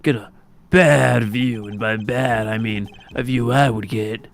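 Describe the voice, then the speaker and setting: A man voicing a dry, sarcastic young male investigator in an improvised comedic fan dub, deadpan and teasing. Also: medium pitch, measured pace, creaky.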